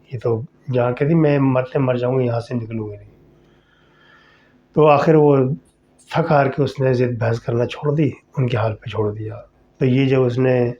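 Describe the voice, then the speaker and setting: Storyteller guy, mellow low-key voice, talks right to the listener, kinda dull recording. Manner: chatty, addresses the listener directly. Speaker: storyteller host. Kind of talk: conversational horror storytelling.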